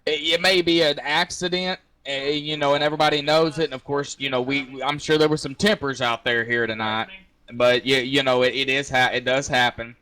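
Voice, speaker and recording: Bright-voiced stumbling interviewer man. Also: mid-range voice, fairly even intonation, brisk. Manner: stumbling, repeats fillers. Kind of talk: post-race interview.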